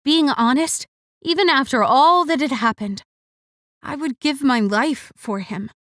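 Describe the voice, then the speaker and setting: A woman reads a first-person romance audiobook in a fairly high voice. Her delivery is expressive and wry. The recording is close and dry. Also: measured pace, dry recording. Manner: expressive, wry inner monologue. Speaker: audiobook narrator.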